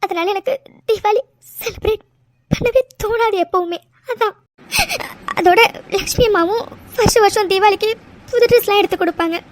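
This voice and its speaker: A woman voicing a tearful young woman from a children's home in a cartoon love story, crying and answering in halting phrases. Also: extremely high pitch, no echo. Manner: halting, hesitant replies. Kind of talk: cartoon voice acting.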